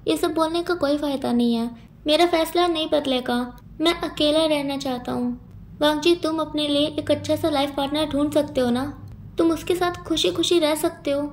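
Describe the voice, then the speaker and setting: A woman's voice: high-pitched, steady tone, normal speed, a little hiss or hum. A woman voicing a stubborn, defiant young man in a storybook reading, curt and dismissive.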